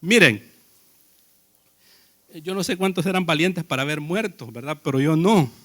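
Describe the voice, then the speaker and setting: A man's voice: a little high, unhurried. A man preaching a sermon in a conversational way, telling personal stories and asking the congregation questions.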